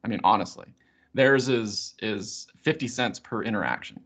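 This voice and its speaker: A man, a software company guest, explaining how a product works in a hesitant, explanatory way with many restarts. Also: on the low side, moderate pace. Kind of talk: conversational technical explanation. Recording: muffled video call audio.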